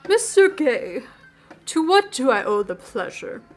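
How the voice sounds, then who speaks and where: A woman voicing a courteous, old-fashioned gothic gentleman with formal, refined speech while reading a video game aloud. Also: high-pitched, sing-song, measured pace, soft background music. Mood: polite delight.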